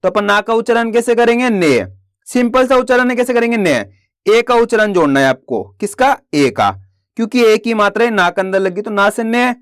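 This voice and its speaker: A man teaching Hindi reading in a slow, patient way, asking questions and answering them himself. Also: extremely high pitch, fairly bright tone, clean tone, dry recording, studio quality.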